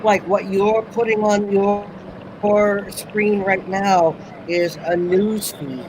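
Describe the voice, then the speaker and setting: A man's voice: sits high, fairly even intonation, slow pace, noisy background. A man chatting on a live panel, hesitant and stammering, with a joking streak. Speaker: panel guest. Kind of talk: casual live panel chat.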